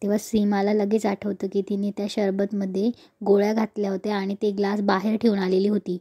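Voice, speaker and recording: Woman retelling a serial, flat mellow voice. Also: mid-range voice, fairly quick, slightly rough. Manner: plain retelling, repeated "then she says". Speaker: serial recap narrator. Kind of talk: storytelling recap.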